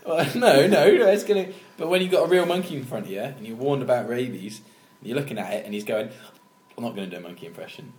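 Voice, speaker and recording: A man's voice: medium pitch, fast talker, darkish tone. A British man co-hosting a podcast in casual chat, jokey and laughing often. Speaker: podcast co-host. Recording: roomy echo, faint ambience.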